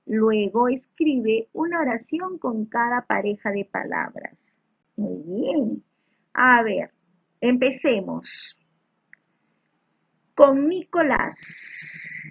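A woman's voice: on the high side, animated, takes it slowly, gravelly, breathy edge, dull audio. A woman teaching young children a spelling lesson over slides, patient and encouraging, checking often that they follow. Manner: addresses pupils as little children. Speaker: primary school teacher.

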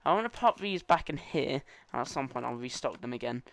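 Excitable man doing let's-play commentary. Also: mid-range voice, brisk, creaky. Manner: excitable and playful, chatting to fellow players. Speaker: gaming channel host.

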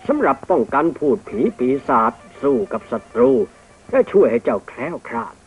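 An actor playing a kind, wise old male hermit who speaks gently to his grandson, in an old cartoon. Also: medium pitch, very animated, moderate pace, close to an everyday voice. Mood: fatherly. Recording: tinny old film soundtrack with music.

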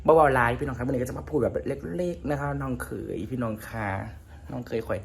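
A man's voice: mid-range voice, fairly even intonation, quick pace. Chatty man with an Isan accent. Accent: Isan (northeastern Thai). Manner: chatty, rambling, keeps addressing viewers as friends. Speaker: vlogger. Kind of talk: casual vlog chat to viewers.

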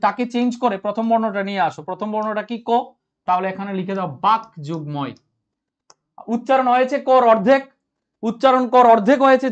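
In a muffled recording, a man with a very high-pitched voice teaches a live online grammar class. He reads out viewer comments and answers them, goes over each point more than once, and checks whether everyone has understood.

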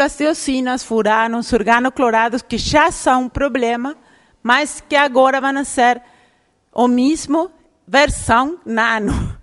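Woman w/ giving a talk, high voice, lots of echo in the hall. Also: fairly bright tone. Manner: explanatory, often checks in with the audience. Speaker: lecturer. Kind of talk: public lecture. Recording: reverberant lecture hall.

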